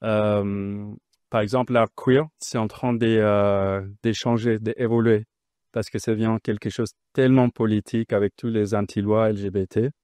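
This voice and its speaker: Low, even-voiced man, halting French. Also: clean tone, dry recording. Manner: non-fluent French with halting phrasing. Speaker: panel speaker. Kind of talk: unscripted panel discussion.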